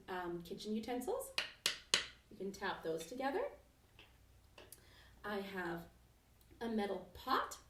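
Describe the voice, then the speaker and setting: A woman music teacher leading a children's lesson at home, speaking gently and encouragingly and singing slow, simple verses. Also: medium pitch, heavy background noise. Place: home, kitchen nearby. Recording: roomy echo from a distance.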